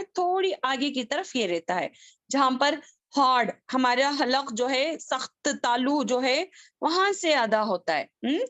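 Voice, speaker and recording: A woman's voice: on the high side, fairly bright tone, no echo. A woman teaching an online Quran recitation class over a video call. She speaks patiently and says each letter several times so her students can repeat it after her.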